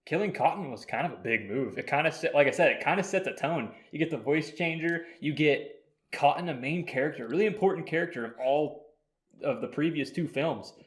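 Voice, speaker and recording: A man's voice: fairly high pitch, expressive, a little fast. A man co-hosting a podcast, chatting casually and animatedly retelling a movie scene, full of fillers. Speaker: podcast co-host. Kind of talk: casual movie review chat.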